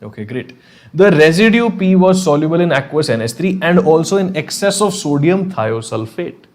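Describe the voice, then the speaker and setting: A man's voice: fairly high pitch, animated, normal speed. A man with a North Indian accent teaching a live online class conversationally, often checking in with short questions and slipping Hindi phrases into his English.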